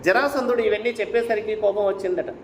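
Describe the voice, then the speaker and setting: High-voiced man preaching in an echoey hall. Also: fast talker, a little hiss or hum. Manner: rhetorical questions, urging and preachy. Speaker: spiritual speaker. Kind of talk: devotional discourse and storytelling. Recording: echoey hall with faint ambience.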